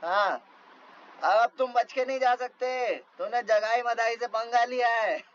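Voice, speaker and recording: A man doing rowdy shouting drunken brutes. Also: very high voice, fairly even intonation, slow pace, lo-fi sound, pitched above the performer's own voice, exaggerated voice. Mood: jeering. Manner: taunting, shouting. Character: two rowdy drunken brutes, loud and threatening.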